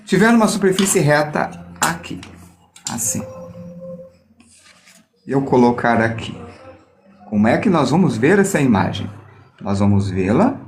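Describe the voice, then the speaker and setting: A man's voice: mid-range voice, sing-song, a little slow, pauses often, slight background noise. A man teaching a drawing lesson on reflections, explaining step by step and joking with viewers as he demonstrates with a mirror. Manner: playful, jokes with viewers while demonstrating. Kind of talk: live online art lesson.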